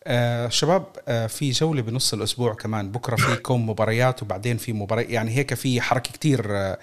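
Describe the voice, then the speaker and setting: Male sports podcast host with a Levantine Arabic accent, casual and chatty, rattling along at high speed. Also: very fast. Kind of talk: casual football podcast chat.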